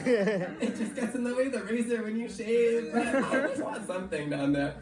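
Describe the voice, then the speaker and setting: A woman performs a live stand-up set, deadpan and self-mocking, often breaking into laughter at her own lines. Her voice carries from a distance through an echoey room. Loud crowd laughter rises around her. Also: a little high, normal speed. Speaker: stand-up comedian. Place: live comedy venue.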